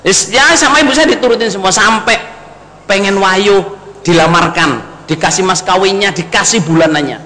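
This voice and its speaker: A middle-aged man preaches a storytelling sermon, calling his congregation brothers and sisters and mixing in Javanese. His high voice is pushed and bright at a moderate pace, with long hall reverb and faint noise.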